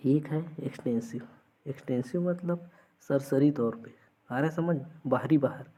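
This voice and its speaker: A man's voice: mid-range voice, moderate pace, mellow, poor audio. A man teaching an exam-prep lesson, explaining through everyday examples and often checking that students follow.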